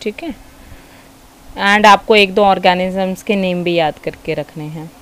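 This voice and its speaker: A woman with an Indian accent teaching a school science class, mixing Hindi and English, dictating notes slowly and reminding students to listen carefully. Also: mid-range voice, a bit bright, low-quality recording. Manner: slow, dictating notes word by word, switching between Hindi and English.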